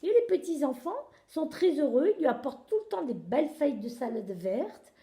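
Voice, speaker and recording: A woman improvising a children's story, animated and expressive, pausing now and then to find words. Her voice sits a little high yet mellow and dark. The room around her is echoey.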